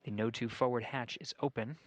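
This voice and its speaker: Measured male mission commentator, dry sound. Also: mid-range voice, steady tone, no echo. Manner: measured, formal, explanatory. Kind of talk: live broadcast commentary.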